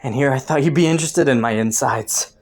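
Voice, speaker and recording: A woman with a very deep, darkish voice talks briskly as a sly, flirtatious rogue from the underworld. It's an audio roleplay drama, an intimate monologue to the listener in which she mocks and teases a detective with sardonic, sultry playfulness.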